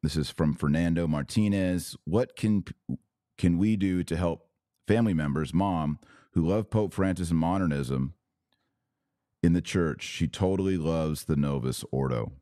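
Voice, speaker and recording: Speaking a little slowly in a low, mellow voice, this podcast host addresses his audience live about religion, urging them on and praying in an earnest, emphatic, preacher-like style. The sound is studio quality with no room sound.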